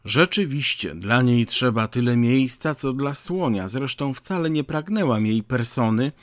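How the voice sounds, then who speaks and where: A man's voice: mid-range voice, expressive, unhurried, dry recording, clean studio sound, close to an everyday voice. A man reading a storybook, voicing a snobbish, disdainful old aristocratic lady telling her grievances. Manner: disdainful, indignant.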